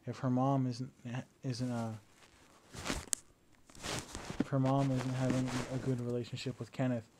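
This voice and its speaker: The recording is very noisy: a young man lies down at home and talks into a battery-powered camera for a casual video diary. His mid-range voice is a little slow and pauses often, relaxed but hesitant, with many fillers and restarts.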